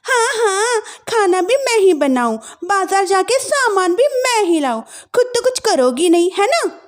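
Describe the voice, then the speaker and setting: Casting: young defiant wife, acted by a female narrator, very high, lively swoops, quick to answer back in domestic story. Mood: indignant. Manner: indignant, sharp back-talk. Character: defiant, hot-tempered young daughter-in-law. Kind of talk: acted family-drama storytelling.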